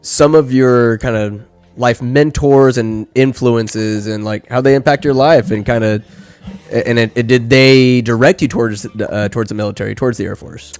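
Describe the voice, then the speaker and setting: A man hosting a podcast, asking questions and throwing in quick jokes. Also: mid-range voice, fairly even intonation, a little mellow, no echo, soft background music. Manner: joking, quick interjections. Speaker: podcast host. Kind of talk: casual interview chat.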